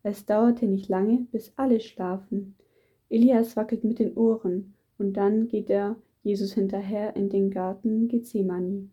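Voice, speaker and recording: A woman reading a children's Bible story aloud in a gentle, measured storytelling manner. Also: mid-range voice, fairly even intonation, slightly rough. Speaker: story reader. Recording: dull muffled recording.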